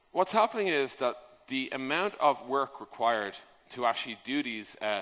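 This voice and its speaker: This man's voice sits at a medium pitch with a fairly bright tone as he speaks from the stage of a large conference hall. He's a speaker on software product design giving a casual, emphatic talk full of rhetorical questions and the odd swear word. Long reverb fills the echoey room.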